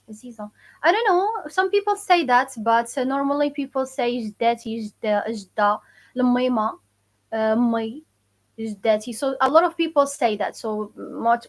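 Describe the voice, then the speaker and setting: Lady doing a live language lesson, kinda high voice, says words over and over for viewers. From Morocco. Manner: casual, repeats phrases slowly for learners; answers viewer questions. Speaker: Moroccan Arabic teacher.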